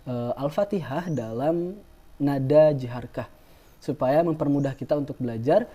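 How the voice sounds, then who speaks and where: A man teaching Quran recitation melody, giving measured explanations between slow, drawn-out melodic chanting. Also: on the high side, dark tone, dull audio.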